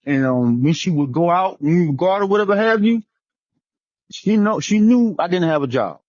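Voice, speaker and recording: A man's voice: high-pitched, expressive, moderate pace, darkish tone, no room sound, dull audio. A man on a relationship panel, talking casually and rambling, often repeating himself. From New Jersey.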